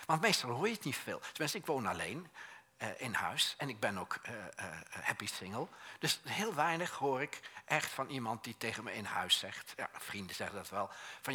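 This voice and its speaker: Lively husky older man preaching. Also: mid-range voice. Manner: lively, joking, storytelling with mimicked quotes; animated, plain-spoken. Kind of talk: sermon.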